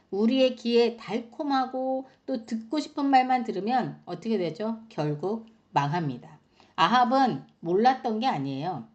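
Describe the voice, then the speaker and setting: A woman teaching from the Bible in an expressive sermon style, exclaiming and often turning to her listeners with rhetorical questions. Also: mid-range voice.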